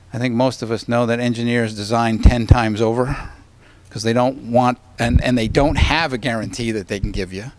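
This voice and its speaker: A man's voice: medium pitch, dry recording. Man explaining at a board meeting. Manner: conversational, walks through examples, keeps checking with "okay?". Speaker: energy consultant advising a school board. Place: school board meeting room.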